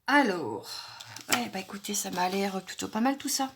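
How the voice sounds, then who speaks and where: A woman's voice: mid-range voice, animated, normal speed, heavy background noise. A woman vlogger chatting casually through an unboxing, thinking aloud with frequent hesitations and fillers. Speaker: crafting vlogger.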